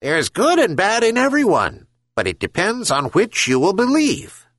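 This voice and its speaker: A man voicing a wise herring gull that speaks in a measured, admonishing way. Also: high-pitched, wildly swooping pitch, a bit bright, no room sound, studio quality, pitched above the performer's own voice, heavily acted.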